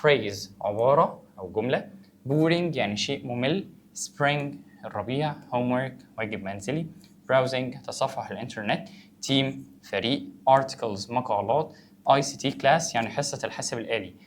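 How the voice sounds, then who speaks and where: A man's voice: medium pitch, moderate pace, a little hiss or hum. A male English teacher with an Egyptian Arabic accent, going through vocabulary and asking and answering his own questions in a conversational way. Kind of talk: vocabulary lesson for students.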